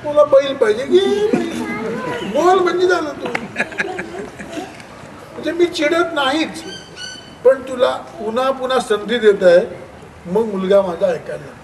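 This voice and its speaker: A man with a very high voice gives a public talk to parents at a school. He tells stories in a lively way and acts out the voices of parents and children. The mic sits far from him, and clear background noise runs under his voice. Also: measured pace, pauses often, crowd noise. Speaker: education speaker. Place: school hall.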